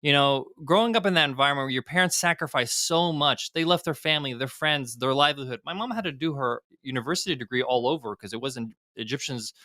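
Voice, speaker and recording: A man's voice: mid-range voice, fast talker, hardly any pauses, sharp tone, no echo, studio quality. A middle-aged man, a guest entrepreneur, speaking candidly in a casual podcast interview with frequent fillers and restarts. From United States.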